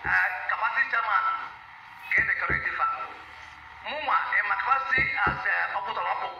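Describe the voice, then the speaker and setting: A man's voice: high voice, a little fast, creaky, lo-fi sound, over loud music. A middle-aged man with a Nigerian accent, giving an emphatic rally speech into a handheld mic in a large hall, mixing Igbo and English. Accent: Nigerian, Igbo-speaking. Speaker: political rally speaker. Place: large hall with seated crowd. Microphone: handheld mic, far camera. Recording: echoey hall, from far off.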